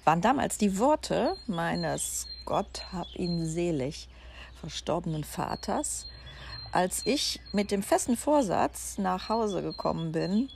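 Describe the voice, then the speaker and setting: A woman's voice: lowish voice, expressive, slow, gravelly, darkish tone. A woman, telling personal stories for her podcast in a chatty, reflective way, recorded outdoors. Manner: chatty, reflective, with frequent fillers. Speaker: podcast host. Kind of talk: casual personal storytelling. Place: outdoors in a garden with birds and construction noise. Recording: outdoor recording with faint background noise.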